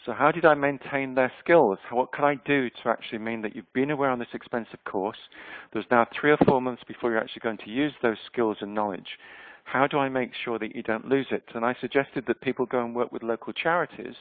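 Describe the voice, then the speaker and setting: Presenting a webinar in a conversational way, this Yorkshire-accented man in his fifties, from Yorkshire, England, says "um" frequently. His voice is mid-range and fairly quick. The webinar microphone yields dry, tinny, phone-like audio with no room sound.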